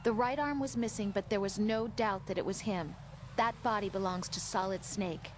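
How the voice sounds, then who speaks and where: A woman's voice: mid-range voice, normal speed, natural voice. Actress as composed female mission contact, faint noise. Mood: calm, sympathetic. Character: composed, sympathetic female mission contact briefing her partner. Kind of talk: video game voice acting.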